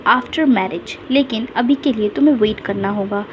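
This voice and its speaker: A woman's voice: fairly high pitch, measured pace, close to an everyday voice. A woman doing a playful teasing young lover. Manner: teasing, pleading. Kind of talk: storybook character voice. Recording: dull lo-fi with faint hiss.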